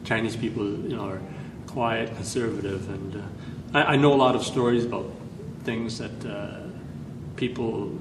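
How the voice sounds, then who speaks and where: A Canadian man being interviewed about his personal history recounts his family's past haltingly, pausing with "uh" and restarting phrases. His slightly low voice sounds distant from the mic, in an echoey room with constant background noise.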